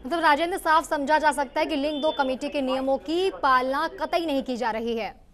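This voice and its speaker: High-voiced woman anchoring the news. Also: moderate pace, fairly bright tone. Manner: formal, questioning a reporter. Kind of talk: live news bulletin.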